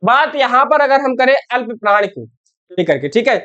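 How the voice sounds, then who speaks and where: A woman's voice: on the high side, big pitch swings, moderate pace, fairly bright tone, lo-fi sound. A woman teaching a Hindi spelling lesson to ninth graders. She keeps asking her pupils questions, says "theek hai" again and again, and calls them "beta". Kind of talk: online class lesson for 9th graders.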